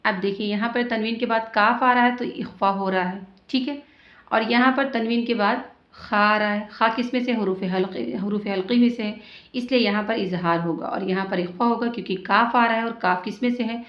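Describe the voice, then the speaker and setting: A woman's voice: medium pitch, steady tone, highs cut off. Patient woman teaching Quran recitation, echoey. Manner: slow drawn-out recitation between patient explanations, checking with "theek hai".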